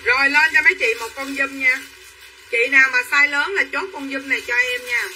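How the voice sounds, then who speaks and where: High, piercing saleswoman on a livestream. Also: brisk, bright, forceful tone, recorded from a distance, poor audio. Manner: chatty, repetitive hard-sell patter, addressing buyers by name. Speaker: online clothing seller. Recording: voice a bit off-mic with faint room noise.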